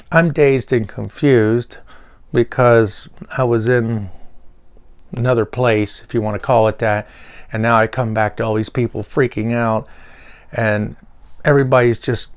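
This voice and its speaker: A man's voice: medium pitch, measured pace, clear, resonant tone. A man casually telling a personal story to camera, rambling with fillers and restarts. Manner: animated when quoting people. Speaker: vlogger.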